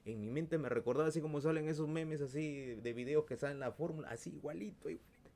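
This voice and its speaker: A Peruvian man preaching with a Peruvian Spanish accent, telling a personal story and then praying, swinging between loud bursts and soft, hushed prayer. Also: fairly high pitch, quick pace. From Peru. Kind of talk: sermon with personal testimony and prayer.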